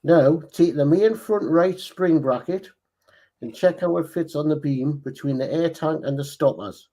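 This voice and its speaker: Man, Northern English accent, mellow dark voice, reads build instructions slowly, casual livestream co-host. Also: fairly high pitch. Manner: reads instructions slowly, pausing to check parts. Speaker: co-host reading build steps.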